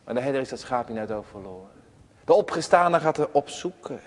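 A man preaching a sermon in a church, expressive and full of rhetorical questions. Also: mid-range voice, brisk, big-room sound.

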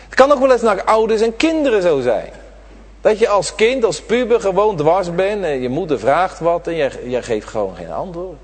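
A man preaching a sermon to his congregation, swinging between loud, drawn-out emphasis and quiet, low asides. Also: sing-song, long reverb tail. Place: church.

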